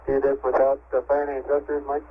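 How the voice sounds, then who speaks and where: A man's voice: medium pitch, monotone, brisk. Man on a crackly two-way radio. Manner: terse radio call-and-response. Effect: crackly two-way radio transmission. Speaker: astronaut in a spacecraft. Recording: tinny, noisy archival radio link.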